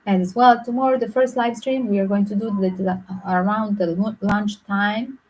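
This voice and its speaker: A woman tarot reader talking to her viewers in a loose, rambling way, often filling pauses with "like". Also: medium pitch, steady tone, poor audio. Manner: rambling, frequent "like" fillers. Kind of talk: casual speculative monologue to viewers.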